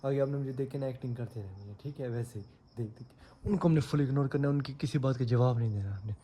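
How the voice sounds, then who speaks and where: A man's voice: medium pitch, warm tone, slight background noise. A man hosting his vlog in a chatty, upbeat way, talking straight to his viewers while walking outdoors at night. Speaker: vlogger and channel host. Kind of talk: casual vlog chat.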